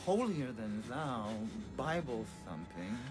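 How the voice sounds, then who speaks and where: A man's voice: mid-range voice, big pitch swings, slow. An actor playing a worried, hesitant male asylum inmate who talks in a confiding way. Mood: uneasy. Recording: distant voice under game music.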